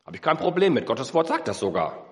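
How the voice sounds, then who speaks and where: A man preaching a sermon, swinging between emphatic high peaks and low, slow earnest passages. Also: big pitch swings. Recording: echoey hall.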